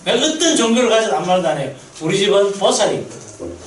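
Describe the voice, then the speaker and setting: Lively high-voiced man preaching. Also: fast talker, reverberant, recorded from a distance, slight background noise, rough recording. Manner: lively storytelling, asks the congregation questions. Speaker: missionary pastor. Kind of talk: sermon at a mission meeting. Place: church sanctuary.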